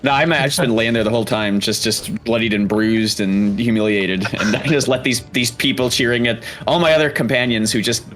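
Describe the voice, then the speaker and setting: A man's voice: medium pitch, fairly quick, few pauses, fairly bright tone, soft background music. A man playing a tabletop game, describing his character in a self-mocking, laughing way. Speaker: player.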